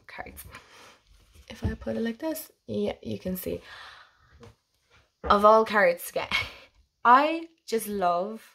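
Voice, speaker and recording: On her own channel, a young woman with a mid-range voice, hoarse from a head cold, shows off her tarot decks. She chats casually and gushingly in a show-and-tell vlog style.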